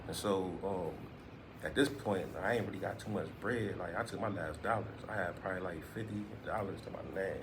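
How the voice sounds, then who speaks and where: A man's voice: low voice, a little fast. An American man telling stories casually as an interview guest, in slangy speech full of conversational tags. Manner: slangy, frequent "you know what I'm saying". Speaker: interview guest, rap producer. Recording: clearly noisy room background.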